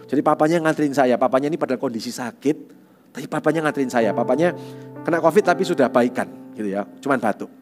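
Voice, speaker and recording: Male youth pastor, animated testimony sermon over soft guitar. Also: mid-range voice, fast talker. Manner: animated storytelling, repeats tag phrases.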